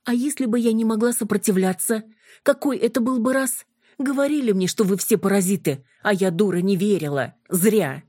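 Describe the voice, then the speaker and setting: A woman reading an audiobook, voicing a furious young woman who shouts and curses at vampires with scorn. Her lines are read with a raised, heated delivery. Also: medium pitch, moderate pace, husky, dry recording, clean studio sound, voice pushed up, natural voice.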